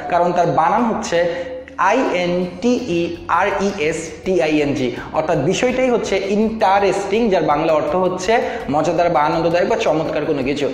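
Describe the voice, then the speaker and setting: A man with a Bangladeshi accent teaching English pronunciation, repeating each word over and over and mixing English into his Bengali. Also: high voice. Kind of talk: spoken language lesson. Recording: echoey room with long reverb, faint music.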